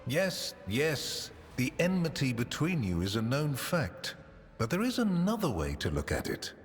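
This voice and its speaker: Cold, pious, accusing game inquisitor: insinuating, widely varied intonation, long reverb on the voice. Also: male voice, medium pitch, huge pitch swings, unhurried. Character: cold, pious, accusing Lord Inquisitor, suave male interrogator. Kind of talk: video game voice acting. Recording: long reverb, music behind.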